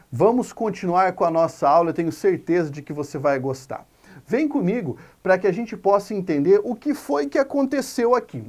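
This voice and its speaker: Male teacher, animated pitch, emphatic video lesson voice. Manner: lively, emphatic, spells out words slowly. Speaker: Portuguese teacher.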